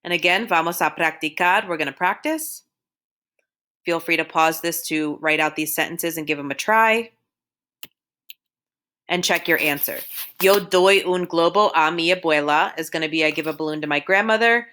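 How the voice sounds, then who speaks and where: A woman's voice: low voice, normal speed, sharp tone. A woman teaching Spanish over a recorded slideshow, steadily drilling verb forms one by one.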